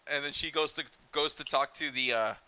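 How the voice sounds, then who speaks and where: A man's voice: a little high, brisk, muffled recording, crowd noise. A man co-hosting a casual horror podcast, rambling and swearing and saying dude every few words. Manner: rambling, profane, says dude a lot. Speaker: podcast co-host.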